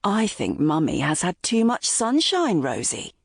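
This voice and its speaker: A woman narrator voicing an easygoing young man who gently teases his mother and coaxes his baby sister. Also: on the low side, wildly swooping pitch, a little slow, gravelly, no room sound, studio quality, exaggerated voice. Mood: teasing. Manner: good-natured, gently teasing. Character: young adult man, easygoing, teasing big brother.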